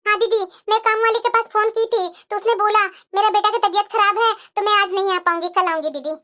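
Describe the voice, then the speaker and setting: A woman's voice: very high voice, steady tone, fast, pushed and bright. A woman voicing a sweet, obedient young daughter-in-law in a cartoon, polite and eager to please. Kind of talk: cartoon voice acting.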